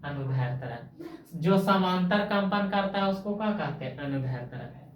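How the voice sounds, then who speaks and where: A woman's voice: fairly low pitch, expressive, normal speed, a little hiss or hum. A woman teacher with a Magahi-tinged Bihari Hindi accent, teaching a coaching-class science lesson in a colloquial, homely way, quizzing the class with call-and-response questions. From Bihar, India. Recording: echoey room, voice far from mic.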